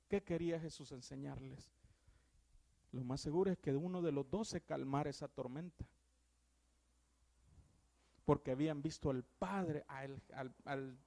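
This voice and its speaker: A young male preacher with a Salvadoran accent delivers a fervent sermon in a fairly high voice. He moves between loud, ringing exclamations and quiet, heartfelt passages, as if speaking from a church pulpit. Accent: Salvadoran Spanish. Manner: swings from loud exclamations to hushed, earnest tones.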